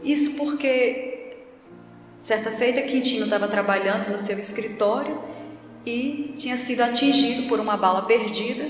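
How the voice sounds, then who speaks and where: A woman's voice: fairly high pitch, moderate pace. A woman giving a spiritist public lecture in a hall, telling a story and acting out its voices. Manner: storytelling, acts out quoted voices. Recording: echoey hall from far off, faint music.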